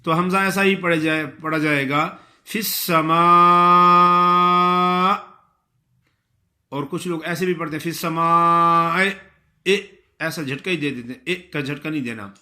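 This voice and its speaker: A man giving a tajweed lesson, explaining pronunciation and then reciting verses in a drawn-out melodic chant. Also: on the high side, bright, forceful tone. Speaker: Quran recitation teacher.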